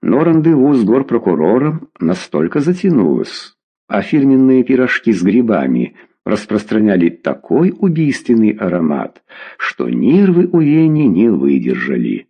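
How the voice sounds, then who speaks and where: Brief: male narrator, husky and dark, lively intonation. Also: on the low side, normal speed, dull audio. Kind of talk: audiobook narration.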